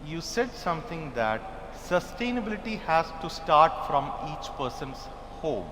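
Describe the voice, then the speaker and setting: A man's voice: a little high, big pitch swings, unhurried, noisy background. A man moderating a panel discussion, formal and announcing. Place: large expo hall. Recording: hall reverb, faint ambience.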